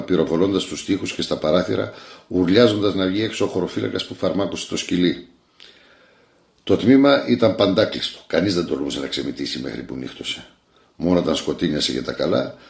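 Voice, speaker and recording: A man, an actor, narrating a literary short story in a measured, scripted reading. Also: deep voice, creaky, reverberant.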